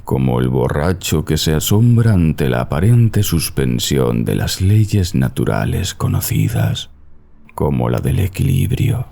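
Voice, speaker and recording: Very deep, slow male horror narrator. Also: gravelly, dark tone. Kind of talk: scripted horror story narration. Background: background music.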